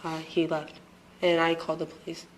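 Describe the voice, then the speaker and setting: A woman testifying as a witness in a courtroom, hesitant and apologetic, speaking haltingly with many pauses and a voice she says is fading. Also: deep voice, monotone, crowd noise, low-quality recording. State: losing her voice.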